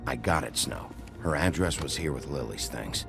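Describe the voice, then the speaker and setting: A dogged werewolf sheriff with an extremely low, gravelly voice. He is terse and dryly sardonic, like a game detective who wastes no words, and music plays clearly behind him. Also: big pitch swings, normal speed, heavily acted. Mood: focused. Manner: terse, dry, understated. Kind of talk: video game voice acting.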